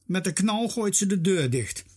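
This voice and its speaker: A narrator reading a children's story aloud in an expressive, lively manner. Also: medium pitch, moderate pace, breathy edge.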